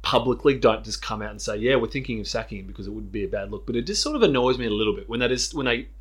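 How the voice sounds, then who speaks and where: A man's voice: mid-range voice, animated, racing, breathy edge. An Australian man co-hosting a casual podcast, teasing his friends and laughing often. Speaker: podcast co-host. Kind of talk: casual chat.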